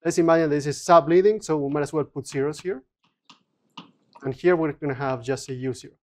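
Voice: mid-range voice, brisk, a little mellow. A physics lecturer giving a university lecture, explaining step by step with frequent restarts and fillers. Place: lecture room.

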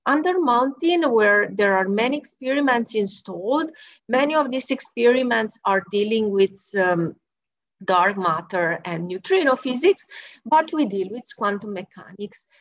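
Her voice is a little high, animated and a little slow, recorded dry. She's a Romanian experimental physicist explaining slides in a friendly manner, sprinkling in wry remarks, from her office at work in the evening. The sound is the dull, lo-fi kind typical of a video call.

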